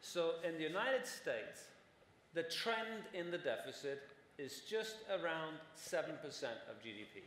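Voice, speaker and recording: A man's voice: a little high, big pitch swings, a little slow, fairly bright tone, a little hiss or hum. A man in his forties speaking as a panelist at a conference, explaining at length and often checking in with "right?". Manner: explanatory, frequent "right?" tags. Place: large conference hall on stage. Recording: roomy hall with long reverb.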